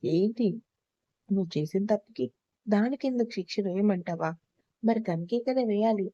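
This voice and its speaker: A woman's voice: medium pitch, normal speed, mellow, no room sound, lightly acted. A woman reading a vengeful, taunting husband. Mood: menacing. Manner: taunting, threatening. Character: young man, vengeful and menacing husband. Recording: dull lo-fi recording.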